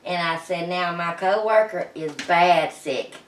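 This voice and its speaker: A middle-aged woman talks through a face mask in a lowish, muffled voice. She is out of breath and pauses often, speaking in a plain, folksy vlog style. The sound is roomy and set back from the microphone. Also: slight background noise. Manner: folksy, plain-spoken, halting. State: out of breath, pausing. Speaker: vlog host. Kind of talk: casual personal vlog. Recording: roomy echo, distant microphone.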